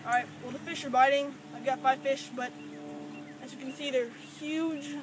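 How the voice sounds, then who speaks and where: A man's voice: extremely high pitch, fairly even intonation, normal speed, noisy background. A teenage boy from Georgia hosting a casual fishing vlog outdoors by a pond, chatty and joking. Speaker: vlog host.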